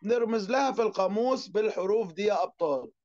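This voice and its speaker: Egyptian guy teaching english online, high voice, answers his own questions, kinda dull lo-fi sound. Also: animated, fast talker, a little mellow. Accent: Egyptian Arabic. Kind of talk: online class lesson.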